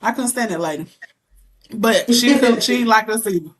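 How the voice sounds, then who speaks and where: A young woman chatting casually as an interview guest, telling animated stories full of playful mock threats. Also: on the high side, normal speed. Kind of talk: casual chat.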